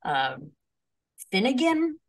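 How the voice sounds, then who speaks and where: A woman player in a tabletop game, chatting quickly and joking casually. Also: a little high, big pitch swings, creaky.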